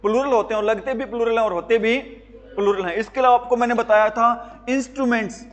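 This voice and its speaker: A man's voice: very high voice, fairly even intonation, quick pace, long reverb tail. A male teacher giving a classroom grammar lesson, drilling his students with repeated questions and waiting for them to answer.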